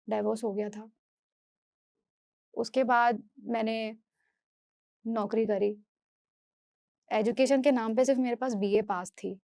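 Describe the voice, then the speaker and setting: Earnest woman, halting and bright-pitched. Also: gravelly, no room sound, studio quality. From Delhi, India. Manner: earnest and halting, with restarts and repeated phrases. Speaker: speaker sharing a personal story. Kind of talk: emotional first-person testimony talk.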